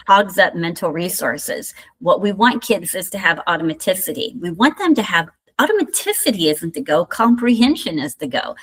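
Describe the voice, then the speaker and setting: A middle-aged woman from Indiana with a Southern American accent gives a recorded university lecture as an instructor. Her voice is fairly low in pitch with a fairly bright tone, and she speaks conversationally, with many fillers and asides.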